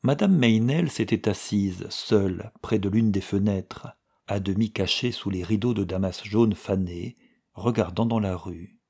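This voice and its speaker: A man reading a novel aloud as an audiobook narrator, in measured, even storytelling. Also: on the low side, gravelly, slightly rough. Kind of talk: scripted narration.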